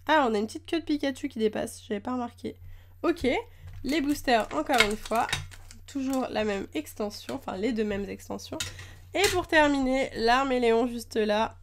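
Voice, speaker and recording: A woman's voice: on the high side, slight background noise. A woman chatting casually at her desk as she unboxes trading cards, gushing over the cute ones. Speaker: card-opening YouTuber. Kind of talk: casual chat while unboxing.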